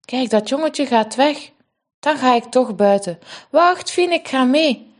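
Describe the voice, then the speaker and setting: Woman doing little twin girls, childlike, high and excited, storybook voice. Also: unhurried.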